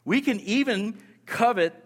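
Male preacher, sermon, emphatic, repeats key phrases, rhetorical questions, slightly high voice, long hall reverb. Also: animated, measured pace. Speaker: pastor.

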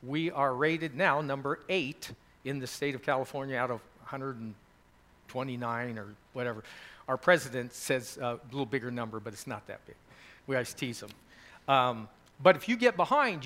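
His voice sits at medium pitch and is a bit bright. He hosts a college gathering, casually telling the group stories in a rambling, chatty style packed with fillers.

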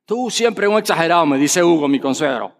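A man's voice: fairly high pitch, expressive, a little fast. A man preaching a sermon, projecting his voice and asking the congregation rhetorical questions. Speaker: pastor. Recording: long reverb of a church hall.

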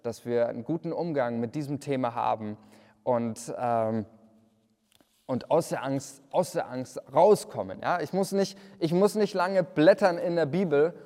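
A man's voice: medium pitch, unhurried, mellow, long reverb tail. A man preaching a livestreamed sermon, earnest, often repeating words and restarting his sentences. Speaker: pastor.

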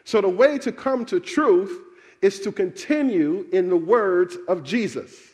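A man's voice: high voice, unhurried. A man preaching a sermon, asking his congregation questions and calling for answers. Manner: animated, calls out questions to the congregation.

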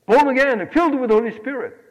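A man from Korea preaching a sermon, animated, swinging between loud exclamations and quiet asides. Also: very high-pitched, very fast, in a large hall, lo-fi sound. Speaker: pastor.

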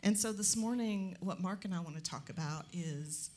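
A woman's voice: on the low side, normal speed, warm tone. A woman co-leading a church sermon, earnestly reading a scripture passage aloud. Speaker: co-preacher. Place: church sanctuary.

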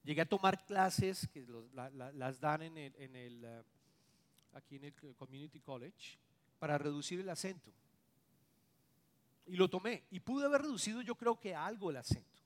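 A middle-aged man preaching a sermon as pastor, earnest and confessional, swinging between loud stressed words and hushed asides. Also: on the high side, lively intonation, normal speed, long reverb tail.

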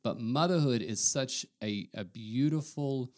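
A man's voice: mid-range voice, unhurried, a little mellow. A man in his thirties, a pastor co-hosting a podcast, talking in an earnest, self-deprecating way with frequent restarts. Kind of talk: casual conversation.

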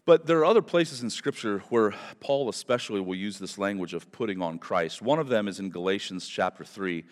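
A man's voice: fairly low pitch, animated, a little fast. A male pastor preaching a sermon at a pulpit microphone in a church, emphatic and building to fervent repetition. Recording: long hall reverb from a church.

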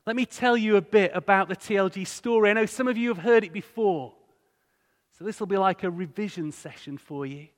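A man's voice: high-pitched, fairly quick. A man with a northern English accent giving a sermon-style talk, telling stories and putting conversational questions to his congregation. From Hull, England. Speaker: guest speaker at a church. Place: large church hall, live talk to a congregation. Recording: echoey hall with long reverb.

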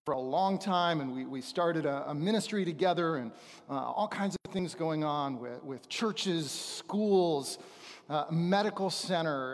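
A middle-aged man speaking as a visiting preacher, giving a church testimony in a halting, conversational way with pauses for emphasis. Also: fairly high pitch. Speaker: visiting preacher and missionary trainer. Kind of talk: church testimony, sermon to a congregation. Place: large church auditorium, speaking from a stage. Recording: reverberant hall sound.

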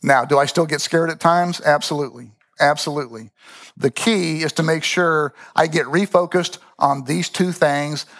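A man's voice: a little high, steady tone, moderate pace, fairly bright tone. A man in his sixties preaching a sermon, telling a personal testimony with emphatic repetition. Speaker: pastor.

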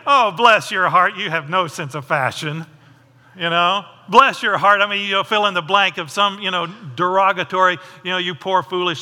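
A man's voice: high-pitched, bright, forceful tone, long reverb tail. A man preaching a conversational sermon, often asking his congregation questions. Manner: conversational, asks the audience questions. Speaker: pastor.

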